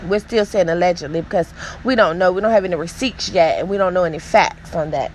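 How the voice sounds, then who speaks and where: A woman's voice: on the low side, fast talker, slight background noise, poor audio. A woman hosting a casual gossip show, chatty, sassy and emphatic. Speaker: host.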